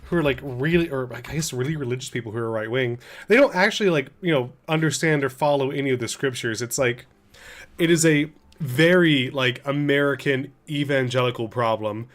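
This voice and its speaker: A man's voice: mid-range voice, brisk. A young man who teaches, co-hosting a casual podcast chat, rambling with many fillers and stammered restarts.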